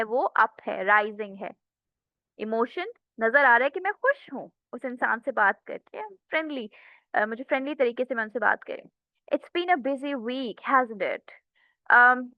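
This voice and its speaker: A woman's voice: a little high, no echo, muffled recording. A woman teaching an English lecture, explaining step by step and often checking in with the class.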